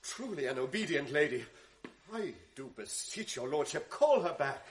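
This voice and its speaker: An actor playing Lodovico, a dignified Venetian envoy, in a 1980s radio drama, formal and courtly. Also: male voice, a little high, big pitch swings, normal speed, a little hiss or hum. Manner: formal and courtly, growing dismayed.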